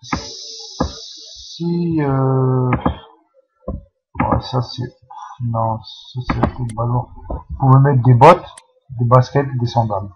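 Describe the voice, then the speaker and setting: A man talks viewers through a game in a casual, unscripted way, stopping and restarting often. His delivery is slow and unhurried. The recording sounds dull and lo-fi. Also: medium pitch, husky, faint music behind. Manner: hesitant, full of fillers and restarts. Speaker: channel host explaining a game.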